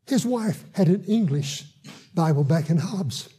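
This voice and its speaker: A man who visits hospitals to evangelize, telling a testimony in an earnest way and slowing down for emphasis. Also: high-pitched, lively intonation, mellow, husky. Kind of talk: testimony storytelling.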